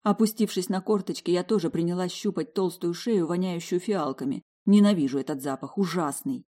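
A woman giving a lively, expressive first-person audiobook narration. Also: lowish voice, a little fast.

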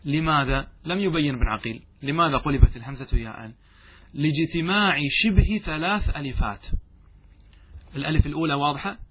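A man's voice: a little high, a bit bright, slight background noise. A man teaching a classroom grammar lesson as a sheikh. He keeps asking the students questions, repeats the answers and drags out key words for emphasis.

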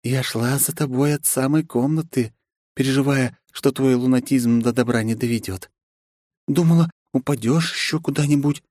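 A man voicing a creepy female servant who speaks in a hollow, deadpan manner. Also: mid-range voice, normal speed, no echo, clean studio sound, voice pushed up, close to an everyday voice. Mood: reproachful. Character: eerie female servant with a sepulchral voice.

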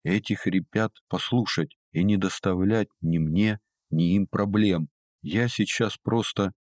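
A man voicing a sly old male overseer, gruff and scornful, speaking in an unhurried, mocking way. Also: low voice, darkish tone, no echo, studio quality.

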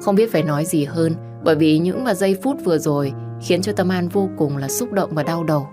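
A woman narrating a romance story in a gentle, emotional way and addressing her listeners directly as the host. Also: lowish voice, a little fast, over music.

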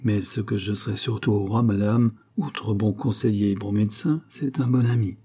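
A man voicing a composed, dignified doctor who answers in calm, measured tones. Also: fairly low pitch, slightly rough.

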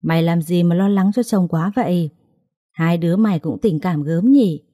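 A woman doing a vicious sister-in-law who spits out threats with cold contempt. The voice sits low and dark, close and dry with no room sound, in a spoken storybook. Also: normal speed, dry recording, lightly acted. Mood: menacing. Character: cruel scheming woman, bitter sister-in-law.

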